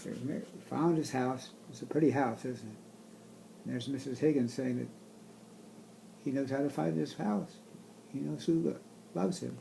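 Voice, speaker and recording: An older man with a gravelly grandpa voice reads a picture book aloud to a child, pausing for gentle, casual asides and questions. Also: medium pitch, a little hiss or hum, poor audio.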